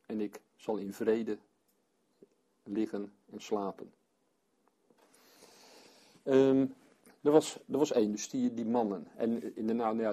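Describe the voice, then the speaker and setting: A man's voice: medium pitch, pushed and bright, husky. A man leading a Bible study for a small group, reading scripture aloud and then explaining it as he thinks aloud.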